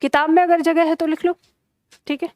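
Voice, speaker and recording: A young woman teaching a live online grammar class, patient, going over key terms slowly and checking that students follow. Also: extremely high pitch, flat delivery, a little mellow, no echo.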